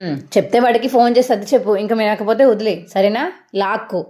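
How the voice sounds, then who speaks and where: A woman's voice: medium pitch, fast talker, dark tone, close to an everyday voice. A woman voicing a blunt, protective husband in a retold TV serial, speaking firmly. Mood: stern. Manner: firm, gives orders.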